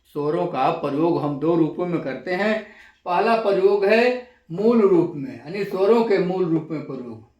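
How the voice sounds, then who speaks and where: A man lecturing as a college lecturer, repeating each definition slowly and drawing out example sounds. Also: high voice, animated, darkish tone, reverberant, muffled recording. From India. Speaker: intermediate college lecturer teaching Hindi grammar. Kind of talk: classroom-style lesson to camera.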